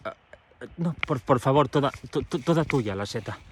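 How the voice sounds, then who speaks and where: A man's voice: medium pitch, animated, normal speed, a little hiss or hum, lightly acted. A man voicing an awkward, bashful teenage boy who stammers and hesitates.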